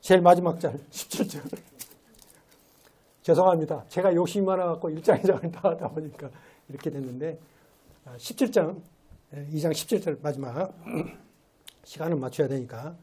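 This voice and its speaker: A man's voice: a little high, moderate pace, long pauses, mellow, breathy edge. A man giving a sermon as a lay preacher in a church, talking in a conversational way and asking rhetorical questions. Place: church sanctuary.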